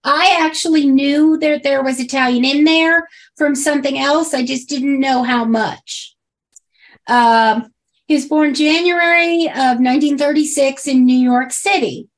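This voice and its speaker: A woman's voice: sits high, steady tone, measured pace. A woman co-hosting a podcast, chatting casually and reading from notes with plenty of fillers along the way. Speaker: podcast co-host.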